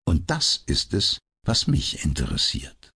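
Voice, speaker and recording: A man's voice: low-pitched, huge pitch swings, unhurried, pushed and bright, husky, full character voice. A man reading an audiobook, voicing the ironic, cool detective Sherlock Holmes with a raised, mocking tone. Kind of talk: audiobook character voice.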